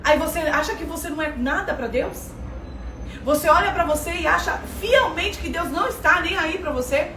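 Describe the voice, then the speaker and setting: A woman's voice: very high-pitched, lively intonation, moderate pace, background noise. A woman with a Brazilian accent giving a preaching lesson, emphatic and repeating phrases for stress. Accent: Brazilian Portuguese. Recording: echoey room from far off, faint ambience.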